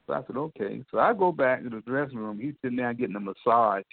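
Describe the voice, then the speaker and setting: Excited older man on the phone. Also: mid-range voice, fast talker, no echo. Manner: animated, repetitive, folksy, speaks directly to the listener. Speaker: guest telling a story. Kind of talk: excited storytelling. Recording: dry, tinny phone line.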